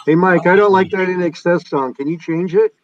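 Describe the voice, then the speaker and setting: A man's voice: high-pitched, a little fast. A man in his fifties hosting a casual group video chat, joking and teasing the others. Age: 50s. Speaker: stream host. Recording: dull lo-fi sound.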